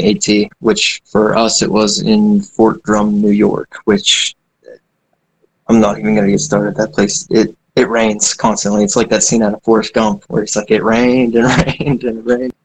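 A man's voice: lowish voice, monotone, moderate pace, rough recording. A young man, an indie game developer, talking in a rambling, casual way with many fillers and asides. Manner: rambling, self-deprecating, frequent fillers. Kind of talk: casual conversation.

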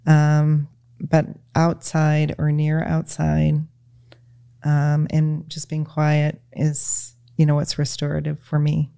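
A woman as a podcast guest, talking in a gentle, reflective way with many "you know"s. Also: low voice, completely flat delivery, slow, creaky, clear, resonant tone, dry recording, clean studio sound. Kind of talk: casual conversation, retelling a children's story.

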